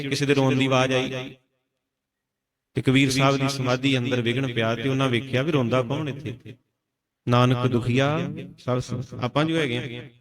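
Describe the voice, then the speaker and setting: A male Sikh preacher telling a sermon story to a congregation, calling out responses and breaking into chanted verses. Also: mid-range voice. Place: congregation gathering.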